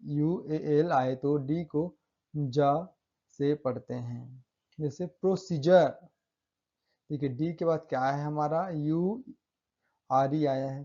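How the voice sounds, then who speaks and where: A man with a slightly high, dark-toned voice teaches pronunciation in a classroom-style explanation. He repeats example words slowly, stressing them emphatically. The recording is lo-fi.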